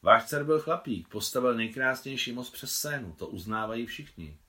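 In an audiobook reading, a man voices a marshal's wife, a shrewd and talkative woman, pitching his mid-range voice above his own. The delivery has lively intonation and a sharp tone, sounding confident, chatty, self-assured and lecturing.

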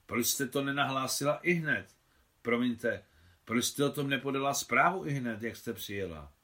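A commanding colonial governor of middle age speaks crisply and gives orders, voiced by a man reading a novel. His tone is bright and forceful. It is a storybook reading. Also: medium pitch, natural voice. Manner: brisk, giving orders.

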